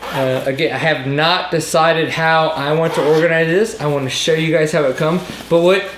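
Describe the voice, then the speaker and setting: A man who sounds mildly drunk talks through a product review in a slightly high voice. His delivery is loose and rambling, with drawn-out emphasis and casual swearing. The room is echoey, with faint noise behind him. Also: steady tone, fairly bright tone. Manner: casual swearing and slangy exclamations.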